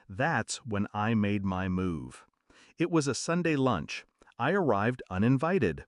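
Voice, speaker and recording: A man reading a first-person story aloud in a measured, dramatic storytelling manner. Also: fairly low pitch, dry recording, studio quality. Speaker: story narrator.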